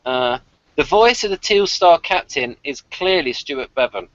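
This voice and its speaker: A man hosts a podcast review of a TV series, chatting casually and reading out notes in a slightly high voice with lively intonation and an unhurried pace. The audio is dull and slightly lo-fi, with no room sound.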